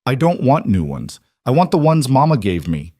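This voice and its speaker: Man voicing a frightened young boy, tearful, high strained voice, dry close sound. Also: very animated, moderate pace, warm tone, no echo.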